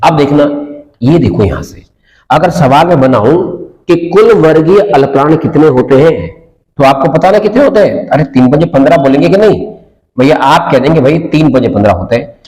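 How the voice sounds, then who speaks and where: A man's voice: on the high side, expressive, moderate pace, a little mellow. A man teaching Hindi grammar in a classroom, explaining step by step and asking and answering his own questions, with a north Indian Hindi accent. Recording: roomy echoing classroom with long reverb.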